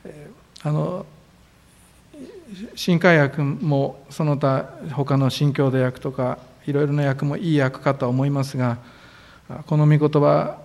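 A man's voice: a little high, takes it slowly. Japanese male pastor, prayer and sermon. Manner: solemn, formal prayer, then relaxed friendly preaching. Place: church sanctuary.

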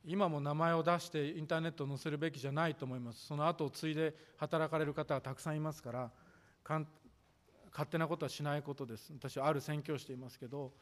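A man preaching a sermon as pastor, measured and formal, drawing out the ends of his sentences. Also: a little high, fairly even intonation. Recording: echoey hall reverb.

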